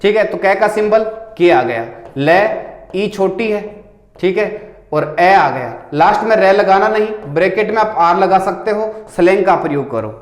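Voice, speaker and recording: A man's voice: sits high, animated, moderate pace. A man teaching an exam-solution lesson in Hindi with a Rajasthani accent, explaining step by step and answering his own questions. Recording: echoey room.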